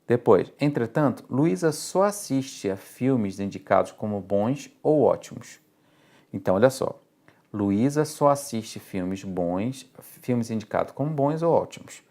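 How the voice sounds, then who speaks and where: A man's voice: medium pitch, lively intonation, moderate pace, gravelly, mellow. A man with a Brazilian Portuguese accent teaching logic for exam prep, explaining step by step and checking in with the class.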